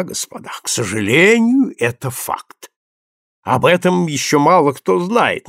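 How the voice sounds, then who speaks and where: A man reading the part of a self-important older gentleman who tells gossip in a lecturing way. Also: medium pitch, dry recording, clean studio sound. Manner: pompous, lecturing.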